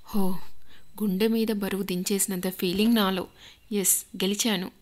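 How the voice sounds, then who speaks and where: A woman narrating a romantic audio story in a soft, emotive storytelling manner. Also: medium pitch, fairly even intonation, moderate pace, slight background noise.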